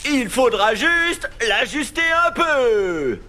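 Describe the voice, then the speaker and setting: A man voicing a self-important, hyped-up beer mascot announcer with a booming, showy delivery in a cartoon game dub. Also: very animated, slow pace, pushed and bright, slight background noise, full character voice. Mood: showy hype. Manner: booming, showy, third-person bravado.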